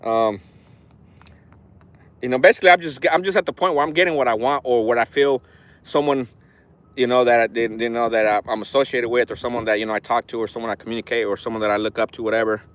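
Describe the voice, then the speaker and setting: A man's voice: medium pitch, steady tone, quick pace, fairly bright tone. A man in his forties chatting on a phone livestream outdoors, rambling and frank, swearing freely with tough talk. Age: 40s. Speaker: RC hobby vlogger. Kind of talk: casual livestream chat. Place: outdoors near an orchard.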